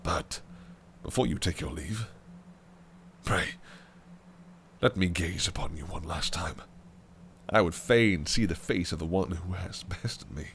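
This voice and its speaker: An actor voices a scheming, possessive fae prince in an audio drama, theatrical and old-fashioned in speech, lurching from shouted fury to hushed whispers. Here he sounds rueful, low-pitched, a little slow, and pauses often, with a faint hiss or hum.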